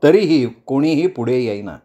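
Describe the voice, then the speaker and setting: A man narrating a novel as an audiobook, with dramatic, lively storytelling. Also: mid-range voice, unhurried.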